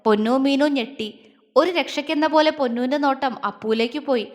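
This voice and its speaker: A woman with a high voice reads a story aloud, taking every part herself in a lively way. Her voice carries a long, hall-like reverb. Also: a little fast. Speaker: narrator. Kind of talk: storytelling audio series, reading all parts.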